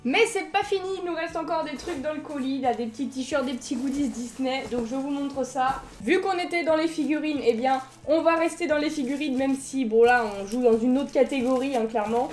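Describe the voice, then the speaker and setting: A woman's voice: high voice, fairly quick, few pauses, darkish tone. A young French woman chatting enthusiastically as she unboxes collectible figurines in a casual vlog. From France.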